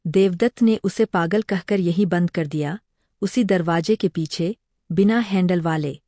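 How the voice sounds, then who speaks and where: Slow, dark-voiced woman narrating horror. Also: fairly low pitch, no echo, clean studio sound. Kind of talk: scripted horror story narration.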